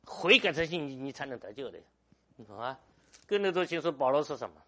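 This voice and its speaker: Older man preaching with lively pitch. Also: fast talker. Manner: emphatic, rhetorical questions, storytelling. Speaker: pastor. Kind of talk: sermon.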